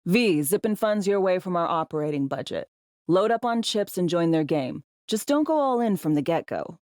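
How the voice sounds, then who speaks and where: A woman delivers video game character dialogue as a brash, world-weary, foul-mouthed spy working undercover in a sci-fi game, using clipped, slangy, sardonic lines in a brisk, businesslike mood. She speaks with a fairly low, expressive, slightly mellow voice at a moderate pace, lightly acted and recorded dry at studio quality.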